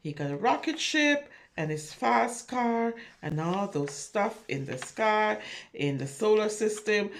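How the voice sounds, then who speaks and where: Her mid-range voice unhurried, a woman hosting a read-aloud and chat for preschoolers tells a picture story and talks directly to the little ones. She's animated and encouraging, with a sing-song lilt, as a children's story reader and craft host.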